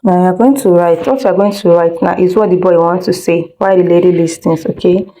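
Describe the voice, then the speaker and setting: Walking learners through an informal screen tutorial step by step, a woman teaching video editing instructs directly, repeats points and checks that everyone follows. She speaks quickly in a lowish, warm voice on a rough recording.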